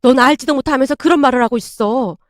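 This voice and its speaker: A woman's voice: high voice, lively intonation, moderate pace, dry recording, studio quality. A woman voicing an elderly widowed grandmother who speaks with indignant, old-fashioned phrasing. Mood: aggrieved.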